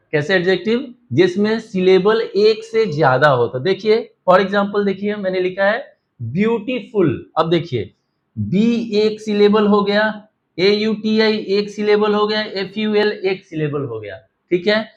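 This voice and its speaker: A man's voice: high-pitched, highs cut off. A man teaching an English grammar lesson, explaining step by step and mixing Hindi with English.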